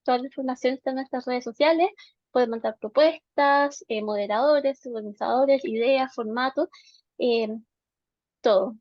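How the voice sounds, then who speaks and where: A woman with a high voice and a Chilean Spanish accent hosts an online talk, opening it with a friendly, informal welcome. Her audio is dull and lo-fi, like a video call, and dry with no room around it. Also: moderate pace, dry recording. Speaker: moderator and host of the talk. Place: home, Punta Arenas.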